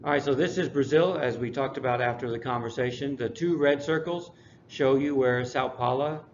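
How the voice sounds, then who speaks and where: A man teaching English and reviewing a textbook unit in a relaxed way, with dry classroom humor. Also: medium pitch, moderate pace. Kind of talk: recorded lesson review. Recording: dull lo-fi recording, faint noise.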